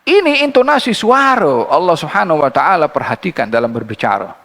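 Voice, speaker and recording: Gravelly-voiced man teaching in a hall. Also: on the high side. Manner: recites Arabic verses slowly, then explains in a lively teaching voice. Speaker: religious teacher. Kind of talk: Quran commentary lecture. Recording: long hall reverb.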